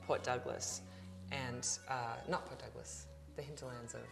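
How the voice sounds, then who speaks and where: A woman in her thirties with a very low, gravelly voice talks about her work in an unhurried, reflective way, often stopping and restarting her sentences. She is recorded in her studio, set back from the mic, with a roomy echo and music playing behind her. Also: fairly even intonation, far from the mic. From Australia. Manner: hesitant, reflective, many restarts and soft laughs. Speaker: artist. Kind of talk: casual interview talk.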